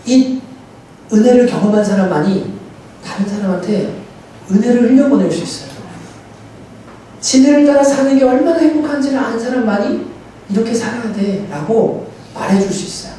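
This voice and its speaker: A man's voice: very high-pitched, fairly quick, pauses often, warm tone. A male pastor preaching a sermon with an earnest, pleading delivery that swells to emphatic peaks. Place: large church sanctuary. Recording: echoey hall from far off, faint noise.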